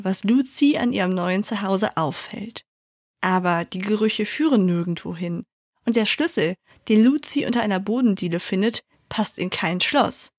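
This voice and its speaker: In a dry, studio-quality recording, a book reviewer with a medium-pitched voice recommends favorite books to her viewers. The young adult woman chats with enthusiasm and reads each blurb aloud at a slower pace.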